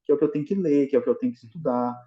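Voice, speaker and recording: A man's voice: a little high, rapid-fire, muffled recording. A Brazilian man with a Brazilian Portuguese accent, a guest in a casual interview, explaining at length with many restarts and fillers.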